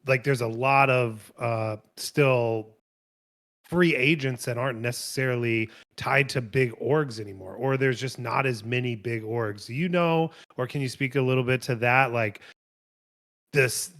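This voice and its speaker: A man co-hosts a podcast in a relaxed, easygoing way. His voice sits at a middling pitch, and his sentences sometimes trail off. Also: unhurried. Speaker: podcast co-host. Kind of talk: casual podcast chat.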